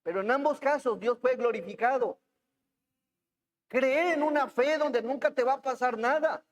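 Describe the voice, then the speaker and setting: A pastor with a very high-pitched voice preaches a sermon in a church hall at normal speed, reading scripture aloud and asking the congregation questions. A long hall reverb fills the recording.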